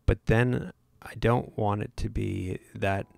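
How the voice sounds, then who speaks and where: A man's voice: on the low side, fairly even intonation, takes it slowly, creaky, a little mellow, no room sound. A man hosting a live photo editing tutorial, talking casually with many fillers and restarts.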